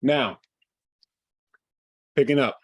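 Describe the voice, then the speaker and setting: A man running a livestreamed tabletop game as game master, halting and full of fillers and restarts. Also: medium pitch, husky, dry recording.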